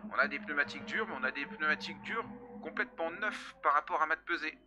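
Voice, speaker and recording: A man doing live motorsport commentary on a sim race, with clear noise behind him. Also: fairly high pitch, fast talker. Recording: clearly noisy background.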